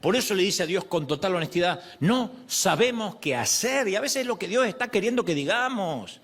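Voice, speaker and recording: Animated preacher man. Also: sits high, fast. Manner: animated, acts out prayers and quoted voices. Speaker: pastor. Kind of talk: sermon.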